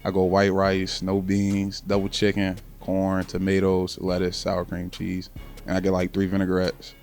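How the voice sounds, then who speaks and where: A man's voice: low voice, monotone, unhurried, darkish tone, faint music behind. A young man, a college basketball player, answering interview questions in a casual, slangy, earnest way. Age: young adult.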